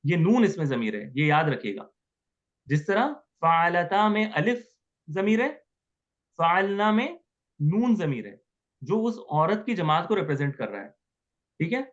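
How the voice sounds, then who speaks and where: A man's voice: a little high, sing-song, a little slow, long pauses, highs cut off. A man teaching Arabic grammar in an online class, patiently repeating words and asking students questions.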